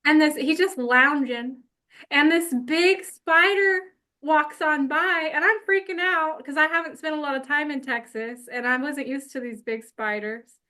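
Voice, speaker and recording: Bright high-voiced woman sharing memories. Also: unhurried. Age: 30s. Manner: chatty storyteller, laughs while recalling. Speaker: organizer of a memorial call. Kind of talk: casual reminiscing on a video call. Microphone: video call.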